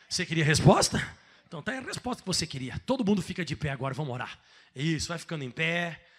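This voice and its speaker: Bright, high-voiced Brazilian preacher. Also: male voice, lively intonation, quick pace. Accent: Brazilian Portuguese. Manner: emphatic preaching, swings between shouting and quiet. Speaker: pastor. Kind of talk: sermon.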